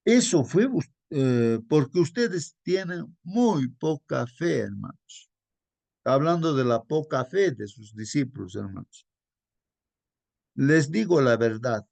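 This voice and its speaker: Gravelly man teaching a Bible lesson. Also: no echo. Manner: addresses listeners as brothers, asks rhetorical questions; pitch jumps up for emphasis, drops soft on asides. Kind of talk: sermon-style Bible lesson.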